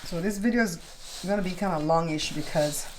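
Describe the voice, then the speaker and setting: A woman with a lowish voice talks a little fast while hosting a casual home baking tutorial at her kitchen counter, walking viewers through each step and checking in with them. The home recording is clearly noisy.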